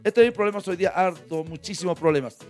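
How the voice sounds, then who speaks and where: A man's voice: high-pitched, fast, darkish tone, soft background music. A man hosting a radio comedy segment, bantering in a bossy, playful way. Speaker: radio show host.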